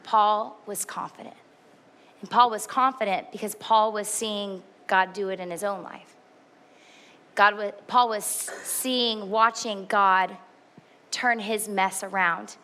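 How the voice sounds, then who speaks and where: A woman's voice: mid-range voice, steady tone, slow, pushed and bright. A woman in her forties preaching a sermon, earnest and candid, with emphatic repetition. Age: 40s. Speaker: pastor.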